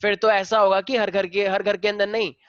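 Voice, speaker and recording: A man's voice: high-pitched, little pitch movement, brisk, fairly bright tone, clear, resonant tone, no room sound, muffled recording. A male biology teacher lecturing a classroom in a chatty way, often quizzing his students.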